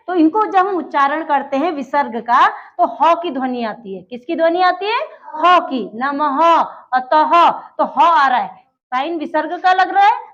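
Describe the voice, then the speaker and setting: A woman's voice: very high voice, fairly bright tone. A woman teaching a grammar lesson, explaining step by step and asking questions that she then answers herself. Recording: dull lo-fi recording.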